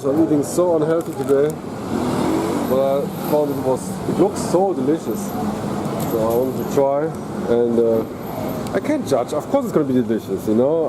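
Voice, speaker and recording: Man, travel vlogger, mid-pitched, casual rambling, hesitant fillers, handheld camera, outdoor city, loud street noise. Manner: rambling, hesitant, with many uh's. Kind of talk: casual travel vlog commentary. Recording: noisy outdoor city recording. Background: street noise and traffic.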